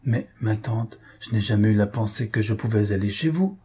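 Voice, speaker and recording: A man reading an audiobook, voicing a proud young woman who speaks gently but firmly, close to his own voice. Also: fairly low pitch, normal speed, breathy edge. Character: proud young woman, grieving, firm and dignified.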